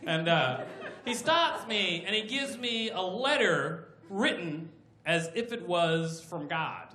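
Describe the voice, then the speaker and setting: A man doing a stand-up comedy set in a club, with loud, animated punchlines and bursts of shouting. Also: sits high, slow pace. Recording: echoey club with loud crowd noise. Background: audience laughter.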